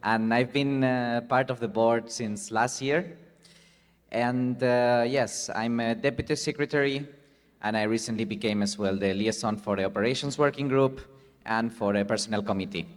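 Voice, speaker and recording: A man from Spain introduces himself on a conference panel at an ordinary pitch. He speaks modestly and lets his sentences trail off. The recording has the long reverb of a hall. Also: fairly even intonation, normal speed. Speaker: deputy secretary of the board.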